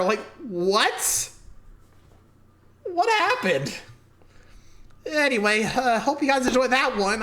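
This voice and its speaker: A woman's voice: on the high side, a bit bright. A woman hosting a reaction video, rambling casually between laughs.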